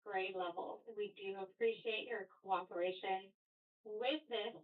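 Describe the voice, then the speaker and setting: A woman reading a formal announcement over a school intercom loudspeaker, measured and polite. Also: medium pitch. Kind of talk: public address announcement. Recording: tinny distant loudspeaker.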